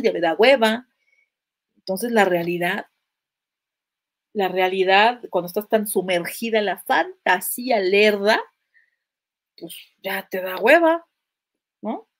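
A woman's voice: mid-range voice, measured pace, long pauses. A woman with a Mexican accent, a comedic psychologist chatting live and answering viewer comments in a playful, irreverent way full of crude slang. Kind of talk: casual live chat.

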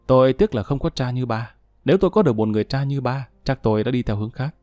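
A man's voice: mid-range voice, quick pace, mellow, no echo, lightly acted. A man playing a condemned male murderer who talks in a gloomy, self-pitying way. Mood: remorseful.

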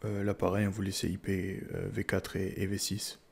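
With a completely flat delivery at a moderate pace, a man speaks in a low-pitched, gravelly, husky voice and a French accent. He explains a tech install in a casual screen-recorded tutorial. Many "euh" fillers, repeated words and restarts show his hesitance.

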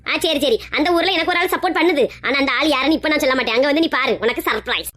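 A woman with a Kanyakumari Tamil accent acting out a comic family skit with quick, dramatic delivery. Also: high voice, a bit bright. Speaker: comedy skit creator.

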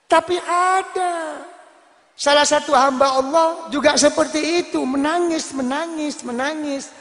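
A man with a Javanese accent preaching a sermon in a drawn-out, emphatic way, repeating words and asking the audience questions. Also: very high-pitched, fairly bright tone. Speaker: Islamic preacher. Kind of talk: sermon to a congregation. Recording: long reverb of a large hall.

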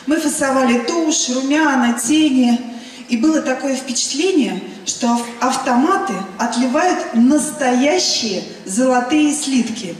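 A middle-aged woman giving an emphatic presentation speech on a large stage, in short phrases with pauses. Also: sits high, expressive. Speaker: company cosmetics director presenting. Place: large event hall stage. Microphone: handheld mic through PA, recorded from the audience. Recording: echoey hall PA, noisy, from far off.

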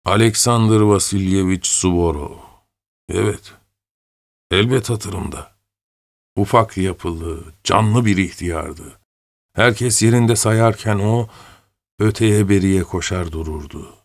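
A frail old veteran, toothless and proud, rambling on about old campaigns, as a man puts him on in an audiobook. The voice sits low. He drifts from one memory to the next. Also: takes it slowly. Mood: reminiscing. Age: older. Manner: rambling, reminiscing. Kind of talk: audiobook character voice.

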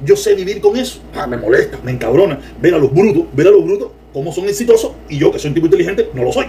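A Cuban man with a Cuban Spanish accent, giving sarcastic, animated political commentary on a livestream and reading viewer comments. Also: on the high side, fast talker, slight background noise. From Cuba.

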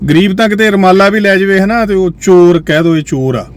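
A male host talking to viewers in a musing way, often sinking to a low quiet voice. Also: brisk. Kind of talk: reflective commentary to viewers.

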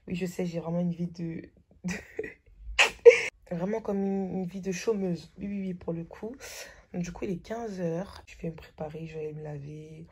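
A young woman vlogger chats casually to her phone camera at home late at night, rambling and using lots of filler words. Her voice is husky, lowish, and dark in tone.

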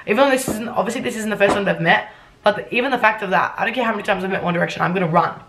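Fast-talking young woman mocking herself. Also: medium pitch, background noise. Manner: cringing, swearing, mocking and laughing at herself. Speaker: vlogger. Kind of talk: reading and reacting to her old fan fiction.

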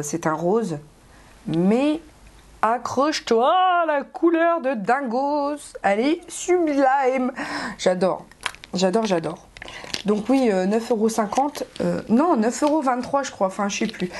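A woman talking through a casual makeup haul as a beauty vlogger. She is chatty and expressive, swears offhandedly, and stammers and repeats herself when worked up. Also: on the high side, measured pace.

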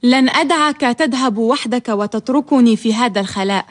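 A woman's voice: fairly high pitch, a little fast, close to an everyday voice. An actress playing a proud, teasing young orphan woman in a radio drama, with a theatrical, haughty delivery. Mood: coquettish. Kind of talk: radio drama acting in formal Arabic.

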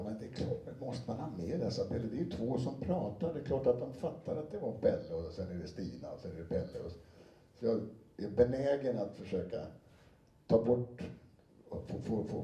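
A man with a very dark, mellow, fairly low voice talks to a live audience about reading books aloud. He is chatty, with many fillers and restarts. He sounds distant from the mic, in a roomy, echoing hall. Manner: conversational, many fillers and restarts, briefly acts out quotes. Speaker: audiobook narrator giving a talk. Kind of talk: anecdotal talk to an audience. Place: lecture room with an audience.

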